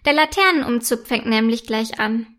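A soothing young mother from a storybook, read by a woman in a high, light voice. She speaks gently and kindly, close to the reader's own voice. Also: expressive, moderate pace.

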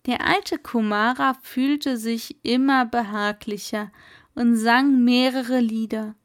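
A woman reading a fairy tale aloud in a slow, measured storyteller manner. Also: a little high, steady tone, no echo, clean studio sound.

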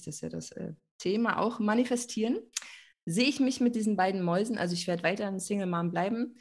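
A pregnant woman hosting a podcast, talking casually and rambling, with lots of fillers and colloquial asides. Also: mid-range voice. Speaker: podcast host. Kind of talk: casual chat.

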